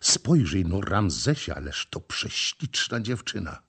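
A man's voice: deep voice, sing-song, unhurried, vocal fry, a bit bright, slightly rough, exaggerated voice. A man reading the part of an elegant young courtier who makes wry jokes. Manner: wry, joking.

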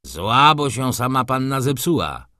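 A man's voice: medium pitch, very animated, unhurried, bright, forceful tone, no room sound, voice pushed up. A haughty manservant who orders people about with smug self-importance, as a man reading the tale puts him on. His voice sits somewhat raised and swings expressively. The sound is close and dry. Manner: commanding, condescending. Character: pompous self-important male valet, bossy and smug.

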